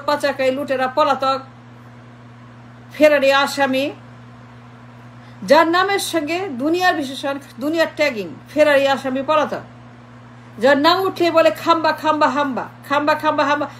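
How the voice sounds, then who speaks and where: A woman's voice: high-pitched, a bit bright, slight background noise. A woman delivering a mocking political monologue, piling up repeated insults and dropping into English phrases. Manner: repetitive, mocking lists of insults, switches into English. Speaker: political commentator.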